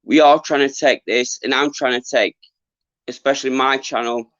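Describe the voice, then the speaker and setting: A middle-aged man talks casually to his livestream viewers, earnest and rambling, with frequent halts. His voice is mid-pitched and giving out a little. The sound is dry and somewhat muffled, like a lo-fi phone stream. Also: steady tone, normal speed, fairly bright tone, dry recording. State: losing his voice. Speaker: livestream host, former boxer. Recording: dull lo-fi livestream audio.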